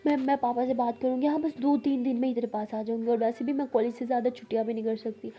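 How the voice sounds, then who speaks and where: A woman's voice: on the high side, flat delivery, fast, dark tone, a little hiss or hum, natural voice. A woman voicing a protective older sister who scolds tenderly and fusses. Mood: fond scolding.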